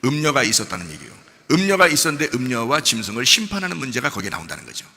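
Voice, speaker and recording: A man preaching a sermon as pastor, acting out dialogue in his sermon and swinging between loud exclamations and hushed, soft passages. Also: medium pitch, big pitch swings, very fast. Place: church sanctuary. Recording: long echo of a large hall.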